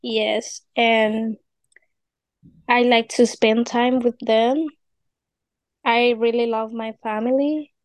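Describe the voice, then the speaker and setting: Slow-speaking 18-year-old Guatemalan woman. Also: a little high, steady tone, dry recording. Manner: slow, soft-spoken, non-native phrasing. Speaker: interviewee, ESL student. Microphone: video call.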